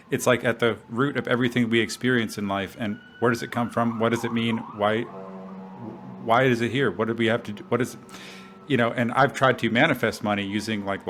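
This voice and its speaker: A man's voice: fairly low pitch, fairly bright tone, a little hiss or hum. Reflective man musing aloud. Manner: reflective, thinks aloud with many fillers. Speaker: podcast co-host. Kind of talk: casual chat.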